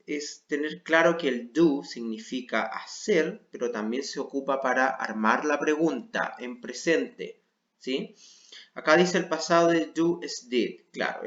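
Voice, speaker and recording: A man's voice: medium pitch, a bit bright. A man with a Chilean Spanish accent teaching English to adults, walking patiently through a worksheet and checking in with his students often. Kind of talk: explaining a worksheet. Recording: dull, roomy lo-fi sound.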